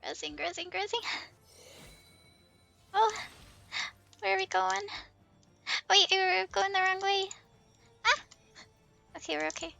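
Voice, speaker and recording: A woman livestreamer offers giggly, easily flustered commentary as she talks to herself through a game, with music in the background. She speaks slowly and pauses often, her very high voice sharp and full of vocal fry.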